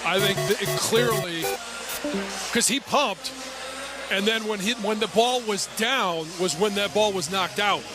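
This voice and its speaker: A male football analyst with a strikingly high voice talks through plays conversationally during a live broadcast. Music is clearly present behind him. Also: a little slow.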